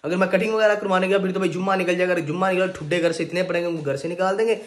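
Holding his phone at arm's length, a young adult man chats casually to the camera as he vlogs through a shopping mall, joking and bragging a bit. His voice is high-pitched and steady in tone, and he races through his words.

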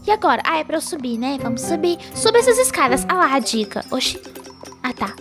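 A woman's voice: high voice, sing-song, fairly quick. A woman voicing a timid, easily frightened young female pony, chatting through a game in character and shrieking when scared. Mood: chatty. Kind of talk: let's play game commentary in character. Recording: loud game music behind voice. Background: loud game music.

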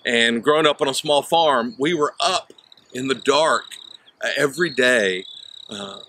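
A man's voice: mid-range voice, measured pace, pushed and bright. A man in his fifties, a pastor from southern Illinois, giving a conversational sunrise sermon in an open field, with frequent "uh" fillers. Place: open field outdoors at dawn. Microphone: camera at chest framing, unseen mic. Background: faint birds and insects.

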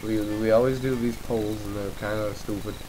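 A young man co-hosting a let's play, chatting casually, loud and excitable and often laughing. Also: lowish voice, moderate pace, noisy background. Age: young adult. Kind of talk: casual gaming chat. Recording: music playing behind. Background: game music.

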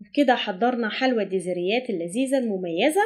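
A woman with an Egyptian Arabic accent and a medium-pitched, somewhat dark voice hosts a cooking channel. She walks through a recipe step by step, giving brisk instructions.

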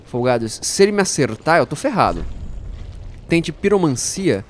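A man giving playful, jokey let's-play commentary, talking to his viewers and bursting out excitedly during fights. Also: on the high side, moderate pace, slight background noise. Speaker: gaming YouTuber.

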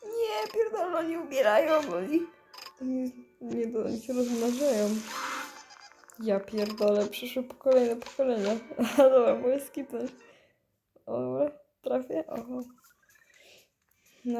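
A stoned woman, high on weed, giving dazed, giggly, foul-mouthed rambling commentary while gaming. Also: steady tone, a little slow, creaky, long pauses, mellow, a little hiss or hum. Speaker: mobile game player. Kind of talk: casual gameplay commentary.

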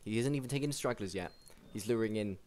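A young man casually commentating a strategy game match, chatty and excitable, with frequent restarts. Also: lowish voice, fast. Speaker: game caster.

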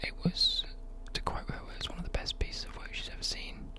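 A young adult with a British accent giving a whispered, informal ASMR chat, with soft mouth sounds. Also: moderate pace. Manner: whispering throughout. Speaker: ASMR creator, university student. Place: indoors at a desk. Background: occasional tapping and desk creaks.

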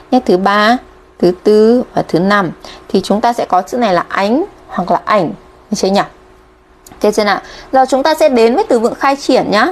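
A woman from Vietnam teaching Japanese kanji on a live stream, chatty and checking in with viewers constantly. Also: fairly high pitch.

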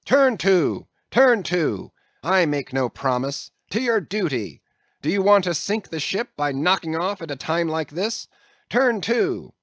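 A man's voice: fairly high pitch, very animated, a little slow, a bit bright, no echo, pitched above the performer's own voice. Man voicing angry sea captain, bellowing commands, dry close sound. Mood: furious. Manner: roaring short commands. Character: furious bellowing ship captain, middle-aged man.

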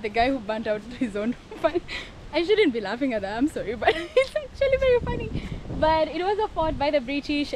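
Young woman travel vlogger, high bright voice, excitable and giggly, handheld camera with clear wind and surf noise. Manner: excited, laughs often. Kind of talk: casual travel vlog. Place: outdoors on a windy coastal cliff. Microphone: action camera at arm's length.

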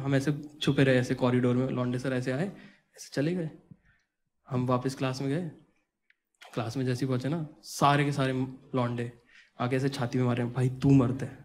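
A young man telling a comic school story on stage, animated and acting out the voices of friends and teachers. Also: mid-range voice. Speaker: stand-up comedian. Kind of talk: stand-up storytelling.

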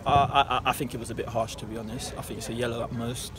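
With crowd noise behind him, a young adult English footballer gives casual, rapid post-match answers outdoors at night, packed with fillers. His voice sits at medium pitch with fairly even intonation.

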